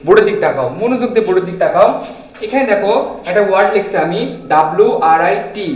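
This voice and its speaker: A man's voice: sits high, rapid-fire, reverberant, low-quality recording. A young man teaching an English lesson at a board. He keeps quizzing his students with repeated questions. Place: classroom with a board.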